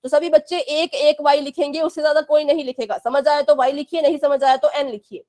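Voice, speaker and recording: A woman's voice: high-pitched, fairly even intonation, brisk, a little mellow. A woman teaching fractions in a live online class for children, explaining patiently, repeating checks, and giving firm warnings about chat behavior.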